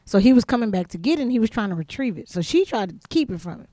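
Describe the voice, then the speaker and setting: A woman co-hosting a podcast in casual chat, relaxed with laughing asides. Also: on the high side, fast, no room sound, studio quality. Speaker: podcast co-host.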